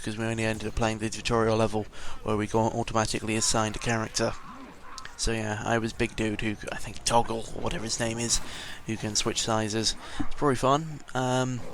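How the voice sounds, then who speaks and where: On a noisy home microphone, a seventeen-year-old British vlogger rambles through an audio log in a fairly low, slightly bright voice. He sounds a bit under the weather, hesitant and tangential, with some mild swearing.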